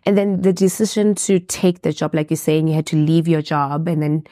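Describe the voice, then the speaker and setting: A woman's voice: deep voice, fairly even intonation, moderate pace, dark tone, no room sound, studio quality. A woman podcast host asking questions supportively, affirming often. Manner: supportive, frequent affirming murmurs. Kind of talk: casual interview.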